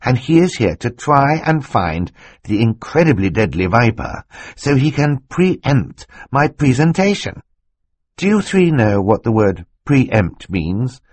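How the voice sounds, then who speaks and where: A man voicing an excitable, fussy older male snake scientist in an audiobook, talking over others. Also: mid-range voice, a little slow, breathy edge, no room sound, voice pushed up. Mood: excited. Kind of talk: audiobook character voice.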